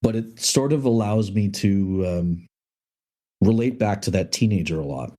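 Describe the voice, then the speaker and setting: A man's voice: fairly low pitch, warm tone. Shaky-voiced man fighting back tears. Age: 40s. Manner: hesitant, halting, with many ums and restarts. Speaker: podcast co-host. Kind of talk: casual podcast chat about music.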